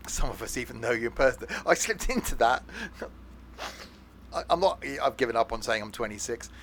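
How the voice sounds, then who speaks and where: An English man chats through a live train game stream at an ordinary pitch. He rambles casually and drifts into jokey asides. A steady train rumble from the game sits faintly behind his voice. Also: a little fast. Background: train game sounds.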